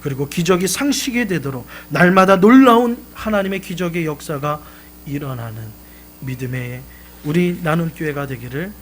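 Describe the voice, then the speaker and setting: A male pastor preaching a live Sunday sermon, emphatic, swelling loud and then dropping low. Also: expressive, normal speed, slight background noise. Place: church sanctuary.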